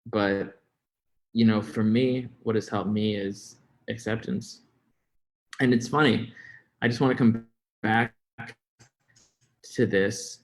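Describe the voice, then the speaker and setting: A young American man from Florida who stutters speaks candidly and informally as an interview guest, hesitating and repeating words as he shares personal things. His voice is on the low side with fairly even intonation, slow, with long pauses, and the recording is rough.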